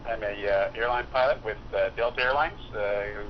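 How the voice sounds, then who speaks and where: Middle-aged pilot on speakerphone, calm and explanatory, dull muffled line with steady hiss behind him. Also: male voice, fairly low pitch. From Utah, USA. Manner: calm, explanatory, pauses often to think. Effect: heard over a speakerphone. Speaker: airline pilot, guest. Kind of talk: casual phone interview.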